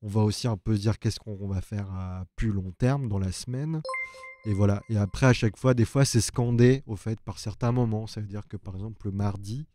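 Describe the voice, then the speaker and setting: A man's voice: on the low side, fairly even intonation, moderate pace, warm tone, slight background noise. A man who works as a journalist on an ecology desk, explaining at length and thinking aloud in a casual live chat from an open newsroom.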